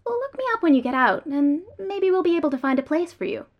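A woman reading the lines of an apologetic male manager in an audiobook, calm and soothing. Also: sits high, fairly quick, highs cut off, voice pushed up. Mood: placating.

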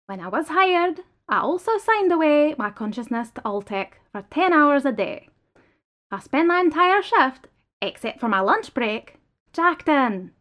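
A woman's voice: sits high, sing-song, measured pace, a bit bright, pitched above the performer's own voice, heavily acted. A woman reading the lines of an indignant male worker in an audiobook, pressing and insistent. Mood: incredulous. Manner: pleading, raised and insistent.

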